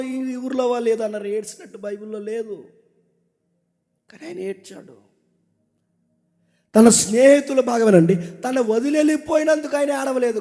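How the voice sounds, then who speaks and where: Man preaching hard, highish mellow voice, big reverb hall. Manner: impassioned preaching, swings between loud exhortation and low intensity. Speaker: pastor. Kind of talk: sermon.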